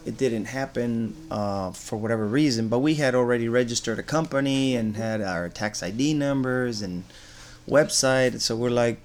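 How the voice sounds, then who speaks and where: A middle-aged man from Argentina, a business owner answering interview questions in a relaxed, rambling way with many fillers. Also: mid-range voice, moderate pace, slight background noise.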